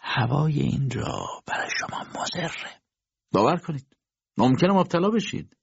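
A man's voice: on the high side, sing-song, creaky, breathy edge, no echo, highs cut off, pitched above the performer's own voice, exaggerated voice. A man voicing a sardonic older bachelor doctor who lectures mockingly, in an audiobook reading.

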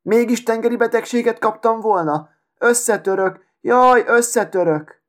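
A man's voice: very high-pitched, a bit bright, voice pushed up. A man playing a vain, haughty sewing needle. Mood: distressed. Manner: proud, self-important, affected.

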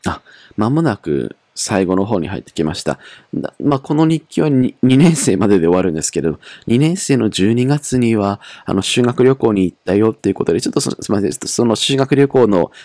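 A man's voice: fairly low pitch, big pitch swings, brisk, mellow, dry recording, studio quality. A young man from Japan chatting casually and with self-mockery as he looks back over his old diary, with many fillers.

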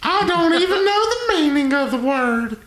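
Man doing a high-pitched, stubborn little gnome worker. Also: sing-song, normal speed, a bit bright, heavily acted. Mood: indignant. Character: flustered gnome bathhouse worker, stubbornly denying the obvious. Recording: roomy, with background noise.

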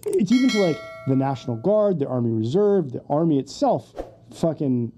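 A man's voice: fairly high pitch, sing-song, normal speed, warm tone, slight background noise. A man co-hosting a podcast, chatting casually, swearing often and acting out quotes with laughs. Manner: profane, laughing, acts out quotes. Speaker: podcast co-host. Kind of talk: casual chat.

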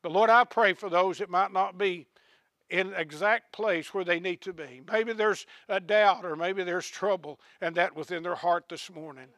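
A man preaching a sermon, repeating questions to the congregation and ending in a hushed prayer. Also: high voice, moderate pace, no room sound. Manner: rising to shouts of praise, then hushed prayer.

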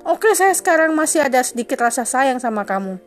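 A woman with a high, bright-toned voice delivers a wounded, accusing monologue to her husband. She presses each grievance with indignant repetition. Soft music plays faintly behind her. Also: big pitch swings, a little fast. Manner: insistent repetition. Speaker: wife confronting her husband. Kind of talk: emotional dramatic monologue.

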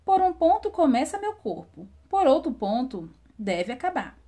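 A woman's voice: high voice, big pitch swings, moderate pace, warm tone, voice pushed up. A woman storyteller voicing a clever, charming young man who poses riddles in a singsong, teasing way. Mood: playful riddling. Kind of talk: children's storytelling.

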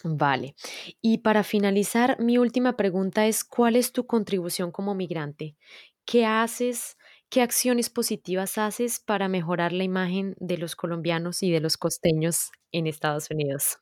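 A woman interviewer who asks questions and affirms the guest's answers in a measured way. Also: medium pitch, darkish tone, no echo, studio quality.

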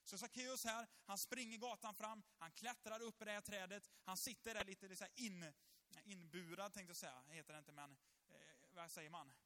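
A male pastor preaching, retelling a story vividly and checking that the congregation is following. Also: sits high. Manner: lively storytelling, asks the congregation along. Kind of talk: sermon.

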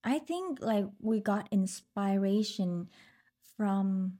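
A woman's voice: medium pitch, lively intonation, slow pace, dark tone. A young woman from Vietnam with a Vietnamese accent, talking as a podcast guest in a hesitant, filler-heavy way. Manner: hesitant, many fillers, laughs lightly. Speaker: guest singer. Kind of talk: casual interview chat.

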